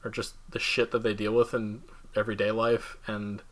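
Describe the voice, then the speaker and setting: A man's voice: on the low side, level tone, normal speed. A young man co-hosting a casual podcast, rambling with lots of fillers and laughing often. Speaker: podcast co-host. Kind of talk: casual chat.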